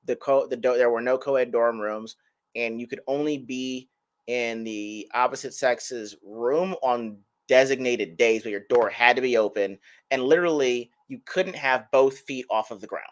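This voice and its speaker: A man's voice: mid-range voice, moderate pace. A man in his thirties, a podcast co-host, telling rambling, self-mocking stories in casual chat.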